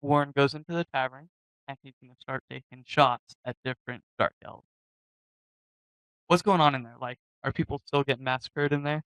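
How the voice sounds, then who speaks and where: A man's voice: medium pitch, steady tone, a little fast, fairly bright tone, clean tone, dry recording, rough recording. A man playing a tabletop game, plainly declaring his character's actions and asking about the scene. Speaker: player.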